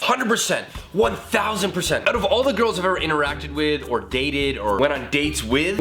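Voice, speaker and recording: A man's voice: a little high, sharp tone. A hungover man hosting a casual comedic vlog, talking to camera in a goofy, jokey way with casual swearing. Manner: jokey, goofy, breaks into giggles and exclamations. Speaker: video creator and host.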